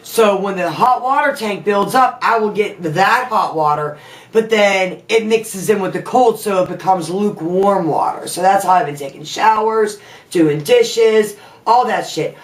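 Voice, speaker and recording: A woman's voice: medium pitch, measured pace, recorded from a distance. A woman vlogger venting angrily from her house, swearing often as she rants. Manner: profane, heated ranting. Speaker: vlogger and makeup artist. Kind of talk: angry venting vlog. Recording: echoey room, away from the mic.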